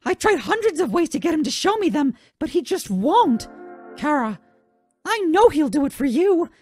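A woman's voice: sits high, very animated, normal speed, darkish tone, faint music behind. A woman voicing a childlike male talking flower, bitter and scheming, in a dramatic cartoon fan dub. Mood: intent.

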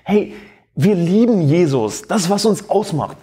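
A syrupy, sentimental churchgoer who gushes about loving everyone and wants nothing to do with doctrine, put on by a man in mockery. The voice jumps high and sing-song. It is plainly an over-sweet parody. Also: big pitch swings, a little slow, mellow. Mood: mocking gush. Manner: mocking, sing-song and raised.

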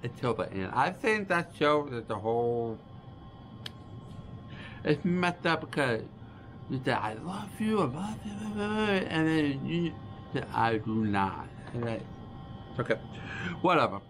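A deaf man in his forties vlogging to camera in slow, halting speech, restarting phrases as he talks. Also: medium pitch, sing-song, a bit bright, slight background noise, rough recording. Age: 40s. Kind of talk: casual vlog talk to camera. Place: small dim room with a starry backdrop. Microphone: camera close in front of face.

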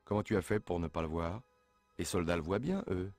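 An actor playing a wry, laconic action hero in a video game, with dry sardonic delivery. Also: male voice, low-pitched, brisk, darkish tone, dry recording, faint music behind, lightly acted. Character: wry, laconic male action hero stranded among aliens. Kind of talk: French video game dub acting.

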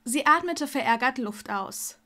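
A woman reading fan fiction aloud as an audiobook narrator, steady and expressive. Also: sits high, measured pace. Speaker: audiobook reader.

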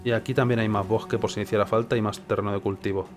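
Music plays in the background as a Spanish gaming host with a Castilian accent thinks aloud over his gameplay, questioning himself casually. His voice is fairly low and steady, and he speaks fast.

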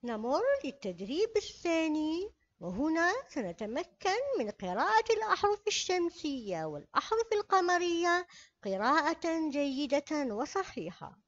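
A woman teaching a children's reading lesson, reading slowly and carefully and drawing out each word. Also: very high voice. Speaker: primary school teacher. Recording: dull lo-fi recording.

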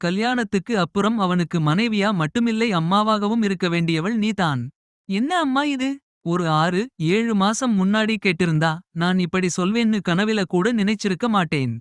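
A man voicing a gentle, firm mother. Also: sits high, normal speed, clean tone, dry recording, studio quality, pitched above the performer's own voice, close to an everyday voice. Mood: tender. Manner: soft scolding, tender and reassuring. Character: caring middle-aged mother, gentle but firm.

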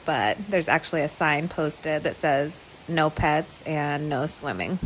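Low-voiced young woman gushing about a hike. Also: a little hiss or hum, low-quality recording. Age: young adult. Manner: upbeat, gushing, lots of "like". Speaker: travel vlogger. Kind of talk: casual travel vlog narration.

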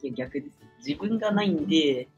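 A young man, a student guest, giving short, halting answers in a casual chat. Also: on the high side, animated, husky, lo-fi sound, soft background music.

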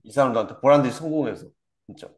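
A young adult man, a former church member appearing as a guest, shares a personal testimony in conversation. He repeats himself, trails off, and uses lots of fillers, speaking at a racing pace in a mid-range voice.

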